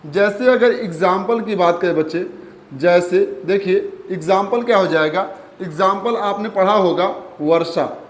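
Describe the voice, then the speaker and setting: This classroom Hindi grammar lesson comes from a man whose voice is high and unhurried. Addressing the students as "beta" and "bachche," he goes over each key point more than once, and the room sounds echoey.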